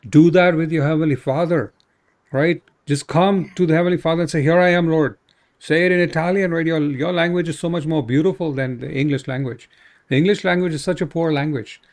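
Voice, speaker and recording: A man with a gravelly, fry-heavy voice pitched a touch high preaches with fervor. He urges listeners on and keeps checking in with "right?" as he ministers. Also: steady tone, brisk, darkish tone. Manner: fervent, exhorting, repeats "right?". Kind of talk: prayer ministry talk.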